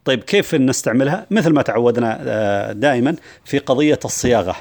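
Man, lecturer, religious lesson, measured, hesitant fillers, slowed quotations. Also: medium pitch, animated, a little mellow. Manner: measured explanation with frequent hesitations and slow quoted examples. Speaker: lecturer on Quran reflection.

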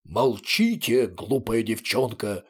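Stern older fleet commander, imperious and booming, voiced by a man. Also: unhurried, a little mellow, breathy edge. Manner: thundering, commanding.

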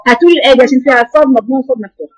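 An Egyptian-accented woman leads a recitation class in a high voice. She repeats each sound to show it and corrects her students directly. Her teaching is firm and hands-on. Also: very fast, heavy background noise. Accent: Egyptian Arabic. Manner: demonstrates sounds by repeating them, corrects firmly.

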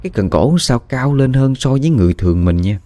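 A man's voice: medium pitch, lively intonation, a little fast, mellow. A man narrating a ghost story in a colloquial way, with dramatic exclamations.

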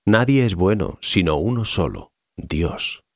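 Jesus, a deep solemn teacher voiced by a man. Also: lively intonation, no echo, clean studio sound. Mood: calm. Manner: solemn, measured. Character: calm, solemn male teacher figure, Jesus. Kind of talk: audiobook reading.

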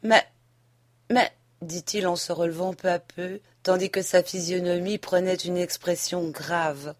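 Low-voiced woman reading a classic novel. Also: no echo, clean studio sound. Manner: measured, expressive reading. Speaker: audiobook narrator. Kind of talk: literary audiobook narration.

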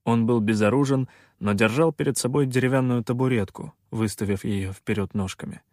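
A man narrating a first-person fantasy audiobook in a measured, expressive storytelling voice. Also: mid-range voice, dry recording, studio quality.

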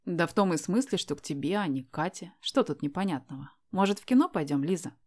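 A woman's voice: on the low side, lively intonation, quick pace, a little mellow. A woman voicing a brash young man, teasing and pushy. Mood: coaxing. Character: young man, brash and self-assured suitor.

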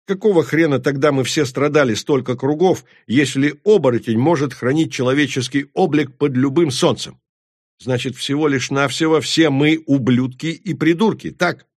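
A man's voice: mid-range voice, lively intonation, normal speed, no room sound, studio quality. A man reading an audiobook, voicing a bitter male werewolf warrior who talks bluntly and swears. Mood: outraged.

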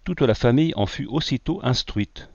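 A man narrating an adventure novel in a steady, measured storytelling voice. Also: mid-range voice, dry recording. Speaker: audiobook narrator. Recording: dull lo-fi, dry.

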